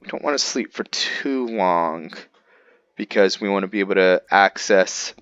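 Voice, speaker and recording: A gamer narrates his own roleplay playthrough in casual commentary, thinking aloud as he plays. His voice sits low with a measured pace and a clean, slightly bright tone, recorded dry. The audio is a bit muffled, with video game music playing behind him.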